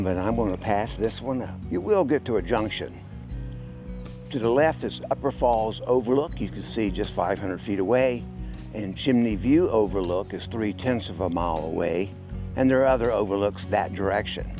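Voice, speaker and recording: A man in his sixties, a hiker and travel vlogger, narrates a casual outdoor vlog in a plainspoken, folksy way. His mid-range voice moves at a moderate pace with lively intonation, and music plays underneath.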